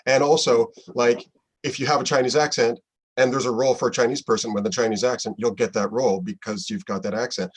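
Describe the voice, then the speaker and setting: A man from Canada, an actor speaking on an online panel, blunt and animated. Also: mid-range voice.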